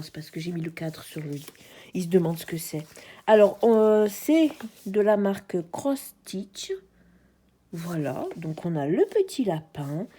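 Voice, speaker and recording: A woman with a French accent talks slowly through a casual craft unboxing. Her voice is mellow and a little husky. She hesitates often and speaks straight to her viewers. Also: fairly low pitch. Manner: chatty, hesitant, addresses viewers directly. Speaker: craft vlogger.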